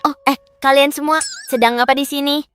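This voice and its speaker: An actress dubbing a young empress in a historical drama, speaking in a wry, thoughtful way. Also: female voice, high-pitched, fairly even intonation, fairly quick, fairly bright tone, soft background music. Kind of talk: Indonesian drama dub.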